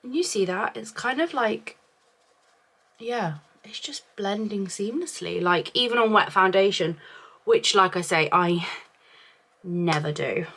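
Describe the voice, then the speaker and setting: A woman's voice: mid-range voice, lively intonation, measured pace, a bit bright. A woman vlogger reviewing beauty products in a casual, chatty way, thinking aloud, her voice chesty from a cough. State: chesty from a week-long cough.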